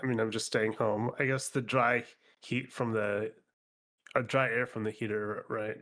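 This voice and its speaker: A man's voice: fairly low pitch, little pitch movement, normal speed, a bit bright. Man, slightly nasal as if healing from a nose operation, hesitant, self-effacing, casual stream guest. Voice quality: slightly nasal, as after recent nose surgery. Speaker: guest, video creator on a game channel. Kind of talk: casual chat on a livestream.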